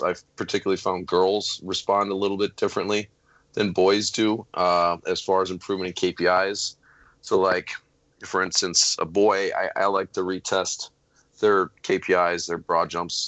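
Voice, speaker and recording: A man's voice: low voice, fairly bright tone, no echo. A man who says he is losing his voice, talking loosely as a strength coach on a podcast panel, with many fillers. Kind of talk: casual panel discussion.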